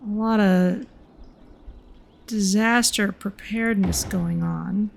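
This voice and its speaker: A woman's voice: medium pitch, slow, vocal fry, a little hiss or hum. A woman giving casual gameplay commentary as host of a gaming video.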